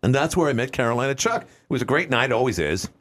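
A male radio host from the Northeast of the US with an animated, swooping delivery. He jokes and teases his guest in a chatty studio conversation. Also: mid-range voice, fast talker. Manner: jokey, chatty, teasing. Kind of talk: casual radio interview.

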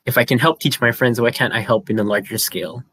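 A man's voice: medium pitch, fast talker, fairly bright tone. A young man of about nineteen, chatting as a podcast co-host and explaining things earnestly, step by step. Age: teens. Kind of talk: casual chat.

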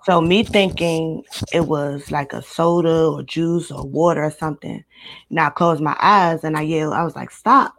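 A woman in her twenties from Maryland, a guest recounting a personal story in a casual interview, steady and matter-of-fact. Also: sits low, normal speed. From Maryland, United States. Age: 20s.

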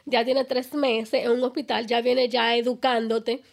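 A woman's voice: fairly high pitch, little pitch movement, measured pace, gravelly. A woman interviewing a guest, supportive and summing up what the guest says. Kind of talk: interview conversation.

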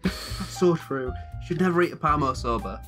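A man's voice: fairly high pitch, animated, moderate pace, a bit bright, faint music behind. A young man from Northern England co-hosting a podcast, chatting casually with dry, teasing humour. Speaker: podcast co-host. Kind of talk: casual chat.

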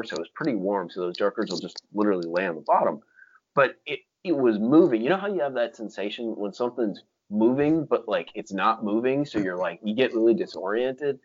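A man's voice: on the low side, lively intonation, brisk, slightly rough. A man telling stories in casual chat, with slangy talk full of dude, like and freaking. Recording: dull lo-fi sound.

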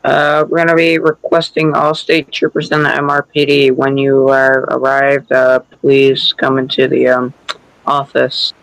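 A man's voice: medium pitch, monotone, moderate pace, gravelly, hardly any pauses, a bit bright, no echo, low-quality recording. A man role-playing police radio dispatcher chatter in an online game, speaking in clipped radio codes. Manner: clipped radio-code phrasing.

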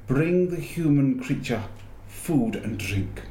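A man's voice: mid-range voice, expressive, takes it slowly, warm tone, a little hiss or hum, pitched above the performer's own voice, poor audio. A man reading aloud and voicing an imperious, cruel witch queen with clipped commands. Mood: commanding.

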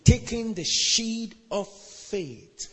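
A man's voice: lively intonation, extremely slow, breathy edge. Emphatic preacher man, echoey hall. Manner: emphatic, swings from low murmurs to shouted commands. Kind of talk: sermon with live interpretation.

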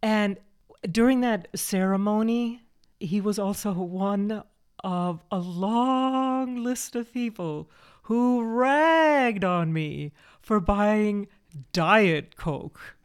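A woman co-hosting a podcast, recalling old neighbors with lively amusement and frequent laughter. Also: medium pitch, drawn-out words, clear, resonant tone. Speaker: podcast co-host. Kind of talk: casual reminiscing conversation.

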